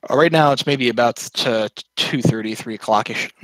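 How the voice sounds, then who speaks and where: A man narrating as game master in a halting way, with many fillers. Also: medium pitch, fairly bright tone, dry recording, poor audio.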